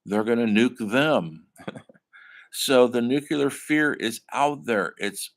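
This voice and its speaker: A man's voice: mid-range voice, lively intonation, takes it slowly. An older man giving a classroom film lecture in a conversational way, calling his students folks. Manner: conversational, addresses listeners as folks. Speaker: college film instructor.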